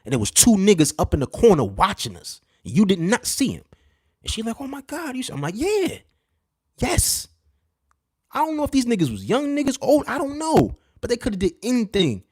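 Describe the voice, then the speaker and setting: Animated streetwise man in a dry room. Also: fast talker, breathy edge, no room sound. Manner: animated and streetwise, with constant "you know what I'm saying" asides; drops to a hushed, low voice when retelling tense moments. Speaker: livestream host. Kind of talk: casual storytelling to a live chat.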